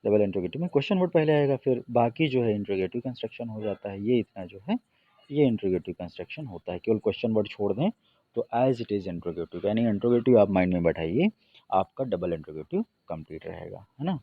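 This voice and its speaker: A man teaching an English grammar lesson in Hindi, reading the English example sentences slowly and deliberately. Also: fairly low pitch, expressive, no room sound, highs cut off.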